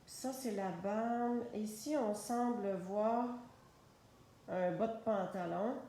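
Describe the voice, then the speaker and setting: A woman's voice: mid-range voice, slow pace, mellow. A woman with a Québécois French accent, chatting unhurriedly through a live stamping and coloring tutorial and describing each step as she works. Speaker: craft demonstrator. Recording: very echoey room, faint noise.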